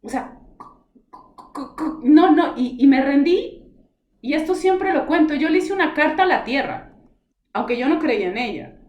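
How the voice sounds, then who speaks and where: A woman's voice: sits high, animated, measured pace, pauses often, darkish tone, muffled recording. Earnest woman telling her story, roomy echo. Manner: earnest, emotional storytelling, acts out dialogue. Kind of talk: personal testimony in conversation. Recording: roomy echoey sound.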